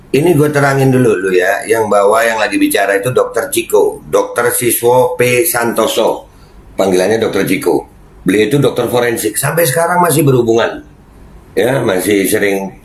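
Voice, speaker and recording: A man hosting his own channel, talking loudly and heatedly in casual commentary. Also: fairly low pitch, echoey room, poor audio. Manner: loud, heated, then slipping into Arabic prayer phrases. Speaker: YouTube channel host.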